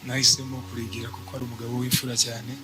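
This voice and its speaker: A young man from Rwanda giving a church testimony in short, measured phrases, pausing for an interpreter. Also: medium pitch, monotone, over music. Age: young adult. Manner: measured, speaks in short bursts.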